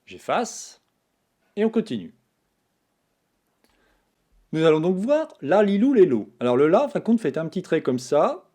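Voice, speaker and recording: Guy teaching japanese, casual and chatty, mellow tone, pitch bounces around a lot. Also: moderate pace, long pauses. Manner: relaxed, chatty, talks while drawing strokes. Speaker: Japanese teacher, channel host. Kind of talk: casual screen-tablet writing tutorial.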